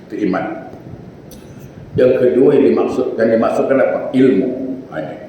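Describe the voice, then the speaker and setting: Animated preacher in an echoey mosque. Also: male voice, mid-range voice, moderate pace. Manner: animated, rhetorical questions, acts out quotes. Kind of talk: mosque sermon. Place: mosque hall. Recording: roomy echo, far from mic, faint hiss.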